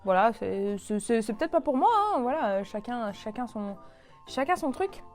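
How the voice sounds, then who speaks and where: A woman's voice: on the high side, sing-song, moderate pace, soft background music. A young woman casually presenting a toy to the camera, with lots of fillers and restarts. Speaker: toy review YouTuber.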